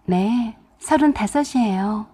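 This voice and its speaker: Woman doing a shy polite young woman, hesitant, husky, radio-drama story. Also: fairly high pitch, slow pace, mellow. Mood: timid. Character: timid, slight young woman, mid-thirties.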